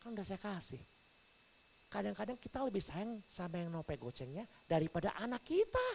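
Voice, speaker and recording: Animated pastor. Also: male voice, sits high, a little fast, vocal fry, slight background noise, low-quality recording. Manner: animated storytelling with big swings in volume. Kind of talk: sermon.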